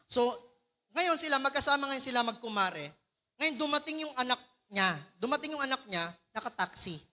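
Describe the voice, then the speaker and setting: Filipino male pastor, high bright voice, lively preaching to a congregation, long church reverb. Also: moderate pace. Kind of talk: Taglish sermon. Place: large church hall.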